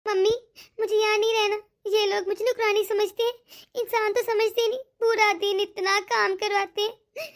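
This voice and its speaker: Woman voicing a whiny cartoon daughter, always complaining, really high pitched. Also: little pitch movement, normal speed. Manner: whining, complaining, tearful. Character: whiny self-pitying young married daughter. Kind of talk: cartoon dialogue.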